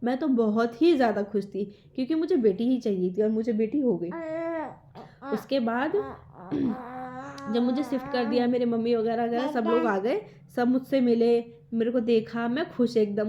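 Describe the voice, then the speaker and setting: Young woman, vlogger, emotional halting storytelling, mellow higher voice, slightly dull recording. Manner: emotional, halting retelling with many restarts. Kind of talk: personal storytelling vlog.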